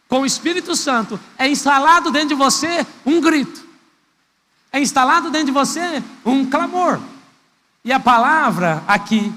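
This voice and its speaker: A male pastor preaching a sermon in a church, emphatic, drawing out key words and rising to loud cries. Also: very high voice. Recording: echoey church hall, faint rain noise.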